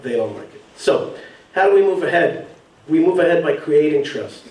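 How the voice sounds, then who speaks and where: A man's voice: a little high, lively intonation, normal speed, darkish tone, roomy sound, recorded from a distance, poor audio. A man giving an emphatic public speech from a podium at an evening event, repeating and building his phrases. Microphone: podium mic.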